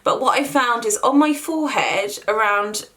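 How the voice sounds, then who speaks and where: A woman's voice: fairly high pitch, normal speed, bright, forceful tone. Chatty woman in her twenties. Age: 20s. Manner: chatty, repeats words for emphasis, many fillers. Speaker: beauty vlogger. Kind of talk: casual skincare review.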